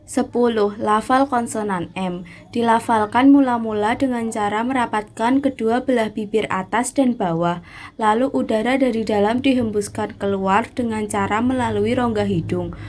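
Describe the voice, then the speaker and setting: A woman's voice: on the high side, moderate pace, darkish tone, a little hiss or hum. A woman reading a phonetics lesson aloud as a numbered, step-by-step recitation. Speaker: student presenter.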